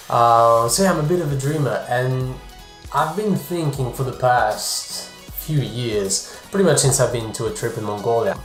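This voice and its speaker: A man's voice: medium pitch, reverberant. A man from France, a travel vlogger and photographer, talking casually to the camera in a chatty way, breaking off for joking asides. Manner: chatty, self-interrupting, jokey asides.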